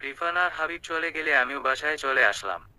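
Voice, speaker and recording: A young man tells a love story in the first person, in a casual, conversational manner. His voice is very bright and crisp, smooth, and a little higher than most men's. The sound is close and dry. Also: expressive, normal speed, dry recording, low-quality recording.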